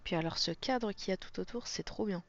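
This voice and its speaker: Speaking briskly in a mid-range voice, a woman hosts a colouring book flip-through, reviewing it live with casual enthusiasm and awed exclamations. Music plays under the muffled audio.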